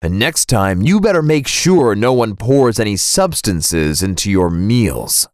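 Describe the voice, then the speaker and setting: Vengeful judge father, low and smug, put on by a male narrator. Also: very animated, a little slow, no echo, studio quality. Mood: smug menacing. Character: cold vengeful middle-aged father, a judge.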